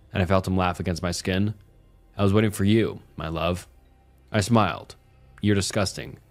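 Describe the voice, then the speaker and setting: A man reading a scripted first-person horror story in a steady, measured way. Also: low voice. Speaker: narrator. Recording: soft music underneath.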